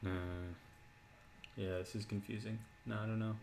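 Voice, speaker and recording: A man in casual chat, calmly reading out trade prices and profits. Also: lowish voice, normal speed, creaky. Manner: calm, reading out numbers.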